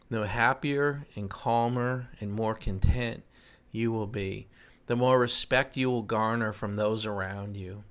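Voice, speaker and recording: A man's voice: medium pitch, a bit bright, clear, resonant tone. A man, giving a casual, earnest motivational talk. He reflects on his own failings in a self-deprecating way. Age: 50s. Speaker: self-improvement podcast host.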